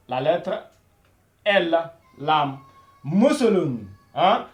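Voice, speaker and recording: Guy teaching beginner arabic, high lively voice, slow and repetitive, echoey room. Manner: slow and repetitive, repeating each word many times; says "voilà" and "hein" constantly. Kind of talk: video lesson for beginners.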